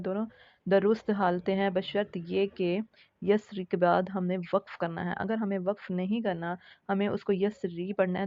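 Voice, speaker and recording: A woman's voice: mid-range voice, dry recording, lo-fi sound. Patient woman teaching Quran recitation rules. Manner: patient, repeats points and checks in with "theek hai"; slows down to sound out example words carefully. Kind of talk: explaining rules of a tajweed lesson.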